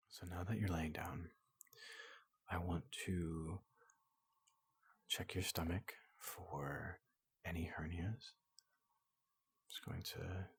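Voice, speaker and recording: In a soft-spoken ASMR roleplay, a large, gentle robot doctor soothes a human patient, speaking very slowly, halting and reassuring. The low voice is breathy and often whispered, with a fairly bright tone and no room sound.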